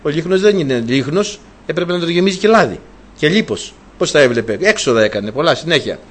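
A man's voice: on the high side, expressive. A man preaching a sermon, retelling a story animatedly and asking his listeners rhetorical questions.

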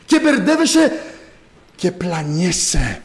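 A preacher voicing a smug, carefree worldly churchgoer in a mocking sing-song with laughing asides. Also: male voice, sits high, big pitch swings, rough recording. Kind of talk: sermon parody.

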